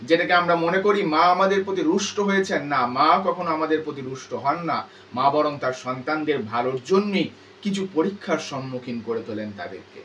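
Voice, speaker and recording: High-voiced man teaching from a distant mic. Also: a bit bright, slight background noise. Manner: reads English lines very slowly, then explains in Bengali; asks and answers his own questions. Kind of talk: line-by-line text explanation lesson.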